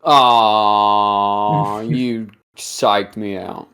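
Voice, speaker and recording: A man's voice: on the low side, steady tone, very slow, fairly bright tone, smooth. A man guesting on a casual podcast as a streamer, teasing his co-host in a jokey manner with bursts of laughter. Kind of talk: casual chat.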